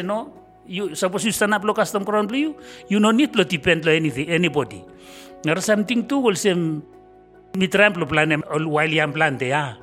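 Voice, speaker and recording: A man's voice: on the high side, fairly bright tone. A man gives informal spoken testimony, emphatic and repeating himself. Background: faint music.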